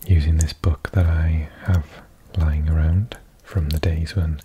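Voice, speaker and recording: A man whispering softly and unhurriedly as an ASMR host, reading aloud close to the mic. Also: deep voice, a little hiss or hum. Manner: soft, breathy ASMR whisper, slow and unhurried.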